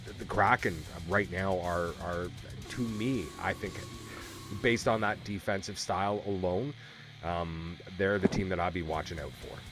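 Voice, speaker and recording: A man hosts a gaming league recap over a live stream, and his low voice comes through a remote call mic. He talks casually and upbeat, stumbling over restarts and fillers as he goes.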